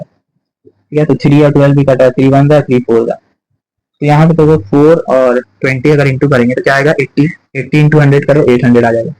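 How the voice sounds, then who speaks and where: A man's voice: medium pitch, mellow, no echo, rough recording. A male maths teacher from explaining sums step by step, asking and answering his own questions and repeating each point. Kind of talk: chalkboard maths lesson.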